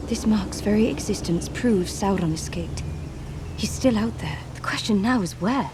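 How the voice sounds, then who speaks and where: An actress playing a determined elf warrior commander in a fantasy series, speaking in a solemn, measured, resolute way. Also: female voice, medium pitch, animated, background noise. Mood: resolute, intense. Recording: loud film score over dialogue.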